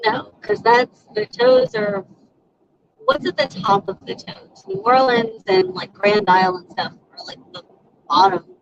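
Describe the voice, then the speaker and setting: A woman's voice: very high-pitched, wildly swooping pitch, measured pace, gravelly, slight background noise. A woman co-hosting a casual chat over a video call, chatty and rambling. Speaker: co-host. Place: in a car. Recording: muffled call audio with faint music.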